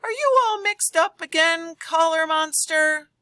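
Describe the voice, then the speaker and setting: A woman voicing a caring little girl who guides a muddled monster friend in a picture book, expressive and sing-song. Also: extremely high pitch, unhurried, dry recording, studio quality, voice pushed up, exaggerated voice. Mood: bright, helpful. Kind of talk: children's picture book read-aloud.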